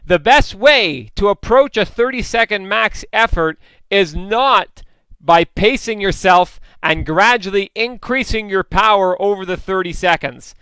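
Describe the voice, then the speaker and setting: A man's voice: high-pitched, a little slow, sharp tone, clean tone, no echo, low-quality recording. A man coaching a live indoor cycling workout, explaining efforts and encouraging riders by name in an upbeat, instructive way.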